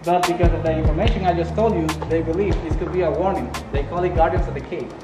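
A man's voice: fairly high pitch, quick pace. A man leading a cave tour, explaining carvings in an informative, joking way. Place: inside a cave. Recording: echoey cave, heard from a distance, music over it.

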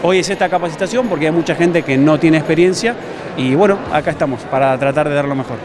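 With a crowd audible behind him, a man in his thirties talks fast in a high-leaning voice, his accent Argentine Spanish. He's a self-defense instructor from La Plata giving spontaneous interview answers explaining his work, held to a handheld reporter mic inside a large, busy gym.

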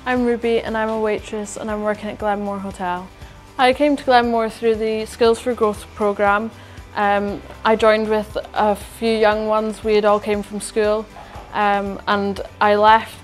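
Flat-voiced young woman. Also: medium pitch, unhurried. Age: young adult. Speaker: waitress. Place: restaurant conservatory. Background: background music.

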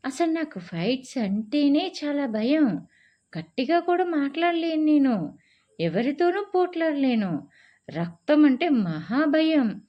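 A woman's voice: high voice, pitched above the performer's own voice, full character voice. A woman voicing a shy, timid young man who talks in a nervous, pleading way, on a dull lo-fi recording.

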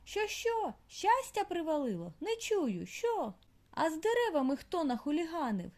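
A loud, fussy old mole healer who is half-deaf, shouting his questions in a high, swooping voice, as a woman storyteller puts him on. He sounds bustling and good-natured in a children's audiobook. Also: sing-song, moderate pace. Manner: shouts and asks again, fussy. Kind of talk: audiobook character voice.

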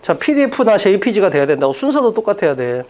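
Animated woman drilling a class. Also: mid-range voice. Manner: rapid rhetorical questions, drilling students; blunt, teasing, occasionally crude. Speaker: English exam-prep teacher. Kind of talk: live classroom lecture. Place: classroom with blackboard.

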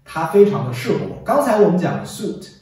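A man's voice: high-pitched, big pitch swings, fairly quick, darkish tone. A man teaching an English lesson, drilling phrases for the viewer to repeat and praising with "very good". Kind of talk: classroom-style English lesson. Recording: echoey room, distant mic.

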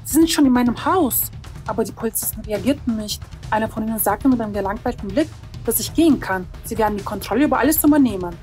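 A woman's voice: fairly high pitch, fast, a little mellow, faint music behind. A woman narrating a tense first-person story in a dramatic storytelling manner.

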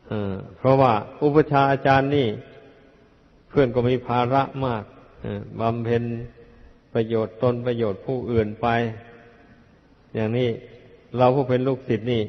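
Older monk, dull echoing archive recording. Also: male voice, medium pitch, fairly even intonation. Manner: plain, unhurried admonishing with fillers. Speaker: Buddhist monk teacher. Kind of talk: dharma talk to disciples.

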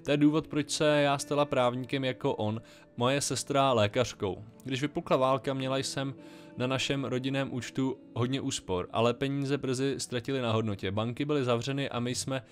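A man's voice: medium pitch, steady tone, faint music behind, natural voice. A man voicing a displaced woman lawyer, reading her formal, apologetic lines aloud. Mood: earnest.

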